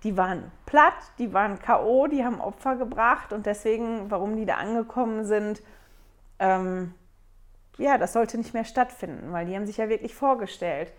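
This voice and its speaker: A woman's voice: medium pitch, moderate pace. A woman giving a casual scripture study talk, retelling church history in a chatty way with fillers and her own paraphrases.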